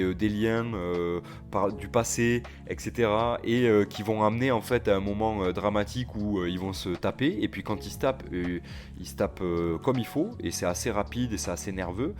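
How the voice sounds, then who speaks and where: A man co-hosting a podcast, chatting casually about manga in a hesitant, halting way. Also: fairly low pitch, a little mellow. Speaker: podcast co-host. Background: music behind the talk.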